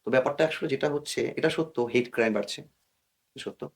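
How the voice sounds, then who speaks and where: A guest expert from Bangladesh speaks in an interview with a medium-pitched, brisk voice showing vocal fry and a breathy edge. He explains things in earnest, cautionary tones, mixing English words into his speech.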